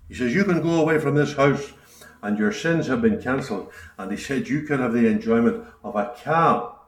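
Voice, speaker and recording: A man's voice: mid-range voice, moderate pace. A man preaching a sermon in a meeting hall, earnest, with a repeating preaching cadence. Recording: echoey hall, distant mic.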